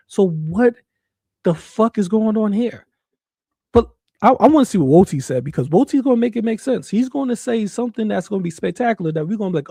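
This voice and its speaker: A woman's voice: mid-range voice, dark tone, husky, no room sound, studio quality. A woman giving casual livestream commentary, blunt, incredulous and emphatic, with plenty of swearing.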